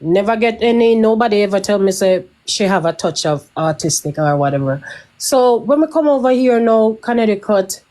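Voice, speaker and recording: A middle-aged Jamaican woman calls in and tells her story in a quick, matter-of-fact way. She has a mid-pitched voice and slips into patois as she talks. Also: animated, warm tone. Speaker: caller. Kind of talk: casual live-stream chat.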